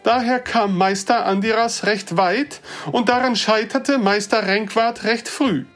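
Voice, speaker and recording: An earnest older gentleman with a formal, old-fashioned way of speaking, as a narrator puts him on. His voice sits well above the teller's own, with a careful, slightly halting delivery fit for a storybook reading. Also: mid-range voice, voice pushed up, close to an everyday voice.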